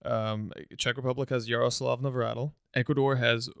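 A young man with a gravelly voice co-hosts a podcast in a dry, close-miked sound. He jokes easily and stays laid-back, dropping plenty of "um"s. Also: mid-range voice, level tone, normal speed, a bit bright, dry recording. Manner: laid-back, joking, many "um"s. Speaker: podcast co-host. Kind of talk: casual podcast chat.

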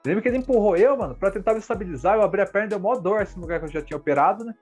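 A young Brazilian man telling amateur football stories in an animated, slangy way. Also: high voice, racing, breathy edge, soft background music. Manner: animated, slangy, lots of "mano". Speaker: podcast co-host. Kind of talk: casual storytelling.

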